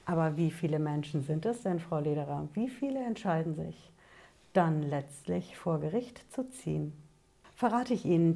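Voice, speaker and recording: A woman's voice: on the low side, mellow. A woman, a tax lawyer, explaining things to her viewers in an emphatic way and raising rhetorical questions. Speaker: tax lawyer, channel host. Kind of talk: explanatory talk to camera.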